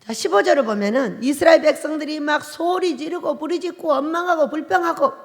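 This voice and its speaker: A woman's voice: high-pitched, a little fast. A woman pastor preaching a sermon, pressing the congregation with questions. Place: church sanctuary at the pulpit. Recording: long church reverb with faint keyboard.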